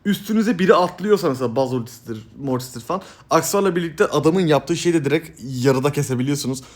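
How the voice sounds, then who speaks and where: A young man commenting excitedly on his gameplay, hoarse from shouting, jumping between loud high yelps and low mumbled asides. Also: fast. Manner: bursts into loud high yelps and laughter, then drops to mumbling. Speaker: gaming streamer.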